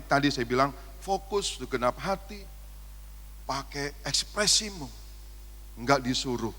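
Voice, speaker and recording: A male pastor, preaching a lively sermon, shouting cues and joking with the congregation. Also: mid-range voice. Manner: energetic, shouts cues and jokes with the crowd. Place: church function hall. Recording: long reverb of a large hall.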